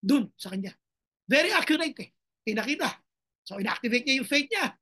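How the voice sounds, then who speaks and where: A woman's voice: high-pitched, expressive, brisk, a bit bright, husky. A woman pastor preaching a sermon with passion. She switches between two languages and breaks into dramatic cries to God.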